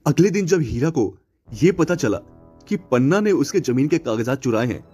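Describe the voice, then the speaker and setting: A man narrating a cartoon moral story in a plain, steady way. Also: medium pitch, normal speed, breathy edge, soft background music.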